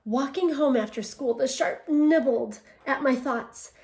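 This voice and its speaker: With a high-pitched, darkish voice, vocal fry and a slightly slow delivery, a female teacher reads a picture book to young children in English, then in Spanish, stopping for questions. The bilingual read-aloud echoes around the room.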